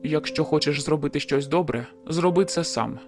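A man playing a guarded young werewolf, audiobook character voice, fairly high for a man, matter-of-fact, strong music underneath. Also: moderate pace, close to an everyday voice.

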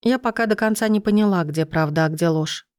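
A woman narrating an audiobook chapter in a measured, even reading. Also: mid-range voice, clean tone, no echo, clean studio sound. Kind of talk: scripted narration.

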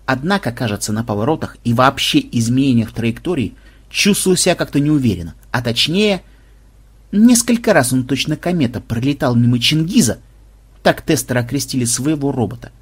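A man narrating an audiobook in an even storytelling manner. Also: medium pitch, breathy edge.

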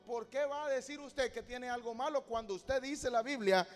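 High-voiced preacher in a reverberant hall. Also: male voice, moderate pace. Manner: storytelling, rising to loud exhortation. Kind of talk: sermon.

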